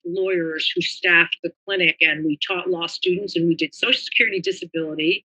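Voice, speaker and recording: A woman's voice: on the low side, fairly even intonation, fairly quick, sharp tone, husky, highs cut off. An older woman from New Jersey, a retired government lawyer, reminiscing in a meandering, chatty way as an interview guest.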